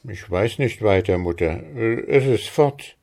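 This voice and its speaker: A man reading the part of a steady, thoughtful young farm lad who speaks earnestly, in a storybook reading. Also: fairly low pitch. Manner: deliberate, earnest.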